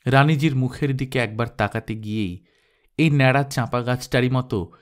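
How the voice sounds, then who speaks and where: A man narrating a literary short story in a measured, expressive reading voice. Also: mid-range voice.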